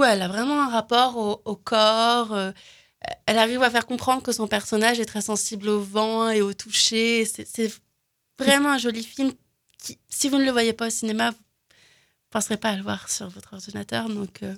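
Hesitant woman with a creaky voice. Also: on the high side, fairly even intonation, normal speed, a bit bright. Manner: hesitant, many fillers and restarts. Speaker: film recommendation guest. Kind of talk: casual radio film chat.

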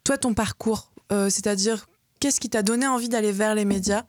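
A woman's voice: mid-range voice, moderate pace, no room sound. Woman interviewer, dry close sound. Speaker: host. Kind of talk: studio interview.

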